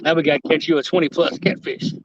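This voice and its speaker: An older man hosting a casual fishing livestream from the river, relaxed and quick to laugh. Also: on the high side, background noise. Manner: laid-back, laughs often. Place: outdoors by a river, on a boat. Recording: muffled lo-fi stream audio.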